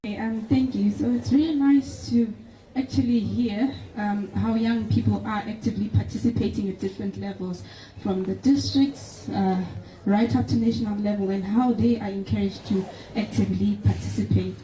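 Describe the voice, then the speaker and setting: Dark-voiced woman moderating a panel. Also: mid-range voice, steady tone, normal speed. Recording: echoey hall from far off.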